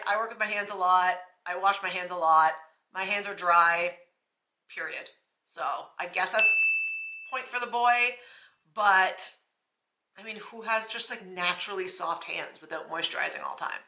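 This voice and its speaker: A woman's voice: mid-range voice, moderate pace, pushed and bright, roomy sound. A young pregnant woman from Canada, chatting casually to camera with a self-deprecating, laughing manner. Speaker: vlogger.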